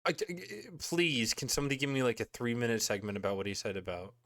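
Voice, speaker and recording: Animated, exasperated streamer with a male-sounding voice. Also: mid-range voice, fast. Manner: exasperated, sweary, informal. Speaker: streamer reacting to videos. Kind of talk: casual live-stream commentary.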